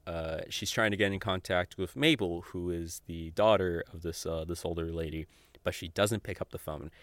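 A deep, slightly bright male voice hosts a podcast, rambling enthusiastically about audio dramas worth hearing. He's informal and swears a lot, often chuckling as he speaks, and the recording has no echo.

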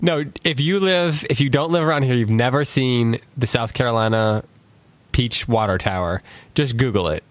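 A man's voice: mid-range voice, normal speed, dry recording. A man hosting a podcast in a casual, rambling chat, laughing often. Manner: easygoing, rambling, laughs a lot. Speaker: podcast host.

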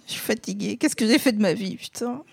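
A woman's voice: medium pitch, a little fast, vocal fry, a little mellow, slightly rough. A woman hosting a casual chat, playful and teasing, swearing and laughing often. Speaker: host.

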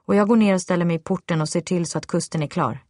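A woman reading a brisk, helpful Swedish neighbor woman. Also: lowish voice, a little mellow, no echo, clean studio sound, close to an everyday voice. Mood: reassuring. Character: friendly adult female neighbor, helpful.

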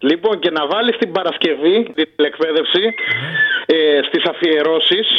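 A man's voice: a little high, highs cut off, a little hiss or hum. A man calling a radio show with a casual, rambling request. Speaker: radio caller.

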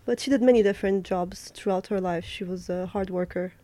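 A young Turkish artist answers interview questions thoughtfully and haltingly, with many fillers and restarts. Her voice is mid-range and mellow.

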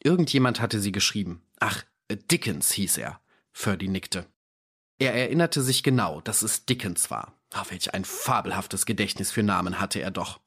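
A man's voice: lowish voice, expressive, moderate pace, fairly bright tone, husky. A man narrating an audiobook in a dry, ironic storytelling manner. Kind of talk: scripted narration.

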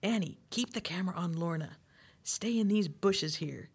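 A woman playing a bossy police officer in a sitcom radio play, giving brisk orders. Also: fairly low pitch, slightly rough. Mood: commanding.

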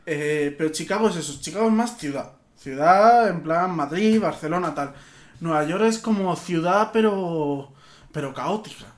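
A young man co-hosts a relaxed chat, blunt and laid-back with casual swearing. His voice runs a little high for a man. The recording sounds roomy and echoey. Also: moderate pace. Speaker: podcast co-host. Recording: echoey room.

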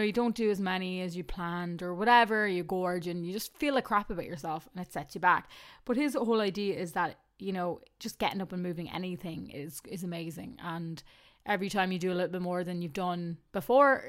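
A woman talks casually as a podcast host, chatty and easily laughing. Her voice sits a little low. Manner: chatty, warm, laughs often.

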